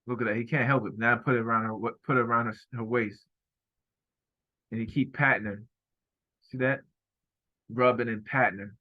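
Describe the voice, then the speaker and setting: A man's voice: medium pitch, steady tone, moderate pace, long pauses, muffled recording. A man giving heated, repetitive running commentary over a video, speaking emphatically and accusingly.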